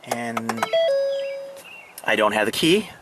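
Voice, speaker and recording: Heavy background noise surrounds a man with an animated, mid-range voice as he casually demonstrates his amateur radio setup for a vlog. His explanation is hesitant and fragmented, full of pauses and restarts. The scene moves between outdoors and a parked vehicle in a residential neighborhood.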